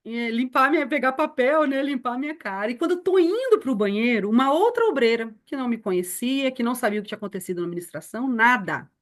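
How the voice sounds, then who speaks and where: A woman's voice: fairly high pitch, lively intonation, fast, hardly any pauses. A woman in her forties, a missionary teacher sharing a personal testimony in an earnest storytelling manner. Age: 40s. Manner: earnest, storytelling, addresses listeners as beloved. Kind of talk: personal testimony in a church lesson.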